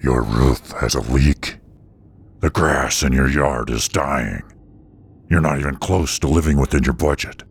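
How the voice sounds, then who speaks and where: A man voicing a sinister demon prince who schemes, accuses and nags in a deep, gravelly rasp. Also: unhurried, exaggerated voice. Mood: nagging. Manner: menacing, accusing and nagging. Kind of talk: audiobook character voice.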